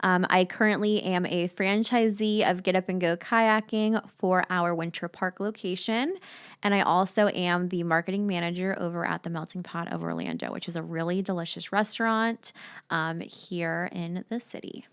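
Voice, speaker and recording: A woman's voice: fairly low pitch, moderate pace, smooth. Laid-back young woman telling stories. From South Florida. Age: 20s. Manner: laid-back, storytelling, playful. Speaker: guest. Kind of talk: casual podcast chat.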